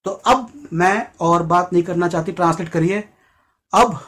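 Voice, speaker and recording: A man with a fairly high voice teaches English grammar to his viewers. He breaks each phrase into single words and says them slowly and deliberately. Now and then he acts out a short everyday scene in a lifted voice. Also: a bit bright. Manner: explains slowly, repeats English phrases word by word; acts out little quoted scenes with a raised voice. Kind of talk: Hindi-language English grammar lesson.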